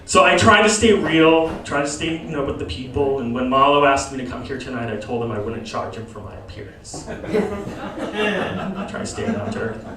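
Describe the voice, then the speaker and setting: A man in his thirties doing a stand-up comedy set, with deadpan asides and sudden high-pitched voices when he quotes people. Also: normal speed, a crowd in the background. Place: comedy lounge. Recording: very echoey room, from far off. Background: audience laughter.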